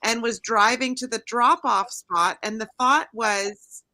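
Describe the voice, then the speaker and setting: A woman co-hosting a casual podcast chat, telling stories in an animated, chatty way. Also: fairly high pitch, a little slow. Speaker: co-host.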